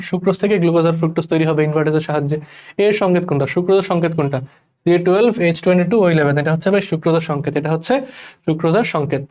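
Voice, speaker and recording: Young male tutor from Bangladesh, rapid-fire exam-prep lecture, voice on the high side, repeats key terms. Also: darkish tone. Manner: rushed, repeats key terms, addresses students as brother. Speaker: chemistry tutor. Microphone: recorded voice-over for class slides.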